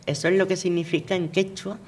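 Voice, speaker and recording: A man's voice: high voice, little pitch movement, brisk, breathy edge. A man from Venezuela co-hosting a casual radio chat, rambling and repeating words while he looks for them. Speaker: radio co-host. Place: local radio studio.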